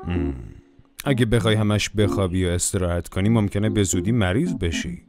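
A man narrating a children's cartoon, talking to the characters in a playful, coaxing way. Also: fairly low pitch. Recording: music playing behind the voice.

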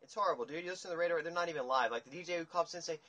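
A young man rambling through a livestream chat, swearing freely and ranting with animated energy. His voice is bright and forceful but husky. It sounds like a phone picking him up in a dim room. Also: fairly high pitch, very fast. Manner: rambling, profane, animated rants. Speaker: livestream host. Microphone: phone camera at table.

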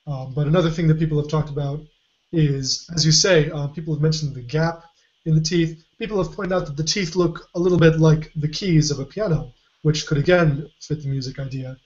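A man co-hosting a casual puzzle podcast, halting with many fillers and restarts, his voice going a little hoarse. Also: a little high, steady tone, darkish tone. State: losing his voice. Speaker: podcast co-host. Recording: dull lo-fi podcast audio.

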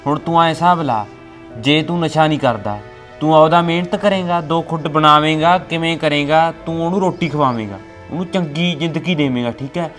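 A man's voice: a little high, fairly bright tone, soft background music, close to an everyday voice. A man playing an older rural Punjabi father. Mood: weary. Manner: slow, fatherly advising. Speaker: father of a grown son. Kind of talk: family web drama acting.

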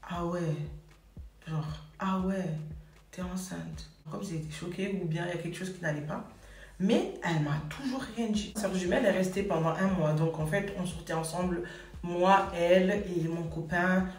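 Woman chatting through a story, lots of fillers, sounds far off in a roomy space. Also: on the low side. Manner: chatty, many fillers and "et tout". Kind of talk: casual personal storytelling.

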